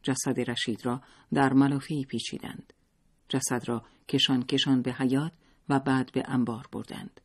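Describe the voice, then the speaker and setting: Husky-voiced male narrator for a dramatic audiobook, measured and steady. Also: medium pitch. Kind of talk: scripted story narration.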